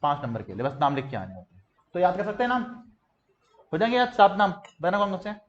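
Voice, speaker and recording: High-voiced energetic male tax teacher. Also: quick pace. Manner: energetic, playful, call-and-response drilling with gestures. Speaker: commerce teacher. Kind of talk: classroom lecture. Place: classroom with students. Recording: muffled classroom recording.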